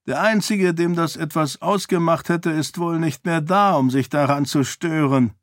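A man doing a domineering king who snaps out blunt orders, raised in pitch and forceful. The storybook voice is curt and dismissive, recorded dry and close. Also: moderate pace, no room sound, close to an everyday voice. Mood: brusque. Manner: brusque, commanding.

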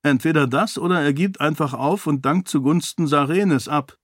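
A man's voice: a little high, normal speed, dry recording, studio quality, pitched above the performer's own voice, natural voice. A man voicing a teasing, jovial young nobleman in an audiobook. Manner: teasing, laughing.

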